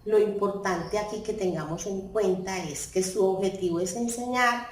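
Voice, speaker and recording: A woman teaching a lesson, explaining slowly and stressing key words. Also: echoey room, slight background noise, rough recording. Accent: Colombian Spanish. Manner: deliberate, stressing key words with pitch jumps. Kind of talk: slow classroom explanation.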